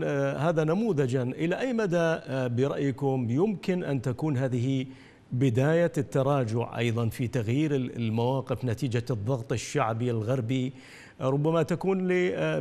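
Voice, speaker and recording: A male news anchor hosting a live panel, talking quickly between frequent hesitant filler sounds. The sound has a long, hall-like reverb around it. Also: mid-range voice, darkish tone. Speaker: news host.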